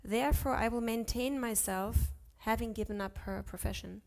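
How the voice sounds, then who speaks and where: A woman teaching a class on Sanskrit scripture, chanting verses slowly and correcting herself aloud as she goes. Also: a little high, gravelly, a little mellow. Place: ashram class.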